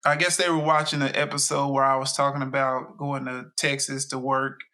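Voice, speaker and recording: Middle-aged man, podcast co-host, bright tone, laid-back, dry humor, casual chat. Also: mid-range voice, little pitch movement, brisk.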